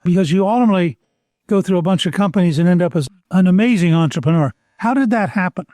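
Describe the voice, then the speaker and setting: An older man hosting an interview podcast, asking questions in a measured, complimentary way. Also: sits high, dark tone, dry recording, clean studio sound. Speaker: podcast host. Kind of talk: interview talk.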